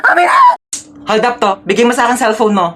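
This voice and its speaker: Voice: medium pitch, steady tone, raised voice, a little hiss or hum, natural voice. A performer doing a brash, pushy robber. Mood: demanding. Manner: brash, fast, demanding. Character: bossy hold-up robber, cocky adult.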